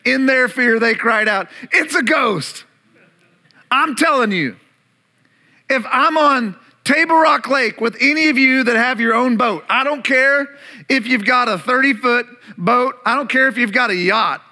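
A pastor preaches a sermon to his congregation during a church service, telling the story dramatically and tossing playful asides to the room. His voice is very high and bright, with a forceful tone at a moderate pace.

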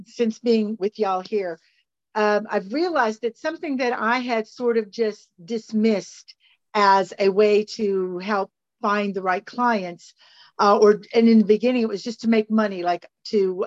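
Woman on a dull, lo-fi video call line, casual participant, halting and restarting her thoughts. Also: mid-range voice. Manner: hesitant, restarts her sentences. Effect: heard over a video call. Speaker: call participant sharing her business experience. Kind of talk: casual group discussion.

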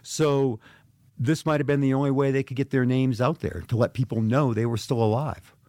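A man's voice: mid-range voice, fairly even intonation, normal speed, mellow, no room sound, clean studio sound. A middle-aged man speaking as an author in an interview, earnest and reflective, often restarting his sentences. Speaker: author and guest. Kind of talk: interview conversation.

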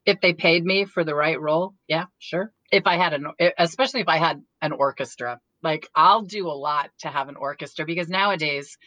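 A woman's voice: sits low, a little fast, few pauses, a bit bright, no echo, muffled recording. A woman actor chatting casually as an interview guest, laughing often and restarting her sentences. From United States.

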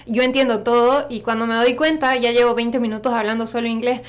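A woman's voice: fairly high pitch, fairly even intonation, a little fast. A young woman from Bolivia with a Santa Cruz accent that has some Argentine in it, chatting casually and laughing often. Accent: Bolivian, from Santa Cruz, with some Argentine (voseo). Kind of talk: casual chat.

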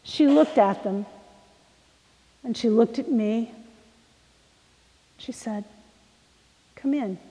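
A woman preacher telling a story in a sermon, dramatic and moving between hushed and emphatic delivery. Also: a little high, long reverb tail.

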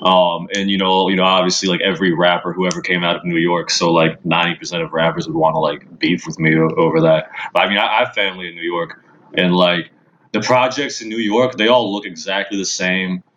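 A man's voice: deep voice, flat delivery, brisk, a bit bright, muffled recording, slight background noise. A man from Washington DC chatting casually on a podcast, rambling with many stammered restarts. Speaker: podcast host. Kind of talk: casual chat.

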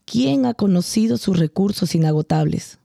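A woman reading a scripture passage in measured phrases, then joining the conversation. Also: medium pitch, lively intonation, creaky, warm tone, no echo, studio quality. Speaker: scripture reader and co-host.

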